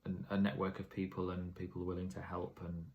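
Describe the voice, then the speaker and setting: Tired, low-voiced man vlogging. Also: completely flat delivery, brisk, muffled recording. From England. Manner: rambling, filler-heavy, self-correcting. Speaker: property investor vlogger. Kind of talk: casual vlog update.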